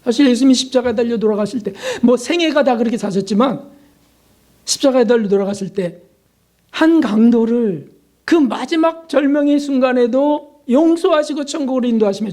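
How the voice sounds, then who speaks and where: An older man preaching a sermon as a pastor, earnest, asking his listeners questions and slipping into soft prayers. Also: very high-pitched.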